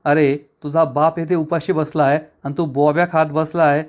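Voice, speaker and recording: A fussy old father in a serial recap, grumbling about the same meal every day, as a male narrator puts him on. The voice stays high and quick to complain. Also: flat delivery, darkish tone, natural voice. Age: older.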